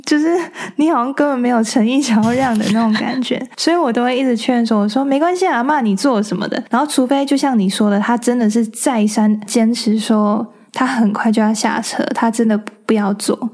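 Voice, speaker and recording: A young woman, co-hosting a casual podcast chat and telling stories with lively acted-out quotes. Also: fairly high pitch, brisk, few pauses. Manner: animated storyteller who acts out quotes. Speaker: podcast co-host.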